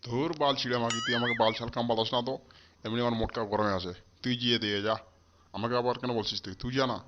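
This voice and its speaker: Man doing a stingy old cartoon dad in a rage, rattling off curses at breakneck speed, a steady middle-pitched voice, clear noise hissing under the recording. He hammers the same threats over and over. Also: rapid-fire, muffled recording, lightly acted. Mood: angry. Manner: shouting, cursing, repeating threats. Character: foul-mouthed stingy old father, always furious. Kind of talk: comic cartoon voice acting.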